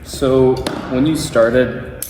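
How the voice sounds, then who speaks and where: A young man who hosts a podcast while cutting hair in a barbershop asks loose, rambling questions full of "like" in a casual interview. His medium-pitched voice is fairly even and extremely slow, picked up by a distant mic in an echoey room with faint noise.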